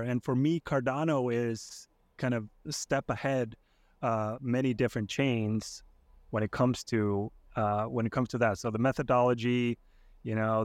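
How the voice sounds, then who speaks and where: A man from Iceland, a podcast guest, talking casually and thoughtfully with many pauses and restarts. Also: mid-range voice, no echo. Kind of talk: casual conversation.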